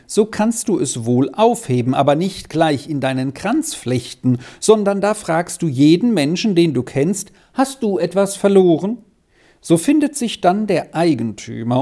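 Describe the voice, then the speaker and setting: A reader voicing a calm, kindly father who gently corrects his family in a storybook. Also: mid-range voice. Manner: soothing, patient.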